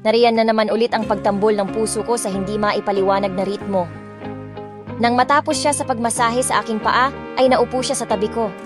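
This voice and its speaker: A brisk, high-leaning female voice narrates a first-person romance story as an audiobook narrator, full of expression and moving freely between Tagalog and English phrases. Music plays underneath.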